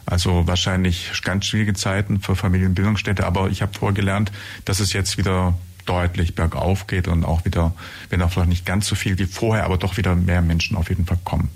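A radio interviewer with a low, husky voice speaks briskly in a level tone as he conducts a conversational interview. He tends to ramble and often searches for words, filling the gaps with fillers.

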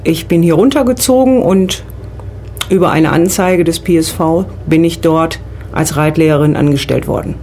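On a radio show, a middle-aged woman from the Rhineland, a riding instructor with a regional German accent, takes questions in the studio. She speaks in a low, mellow voice at a moderate pace, walking through each point step by step with fillers, over a little hiss or hum.

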